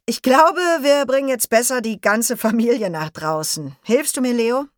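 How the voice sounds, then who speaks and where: A woman voicing a friendly zookeeper father who speaks gently and earnestly. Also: on the high side, expressive, moderate pace, no room sound, studio quality, pitched above the performer's own voice, lightly acted.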